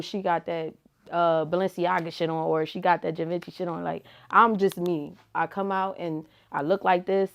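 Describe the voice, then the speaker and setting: Her pitch sits fairly low, and her tone is clear and resonant. The speaker is a young rapper and reality TV personality, appearing as an interview guest and answering casually with plenty of slang, "like," and "you feel me" in a laid-back manner.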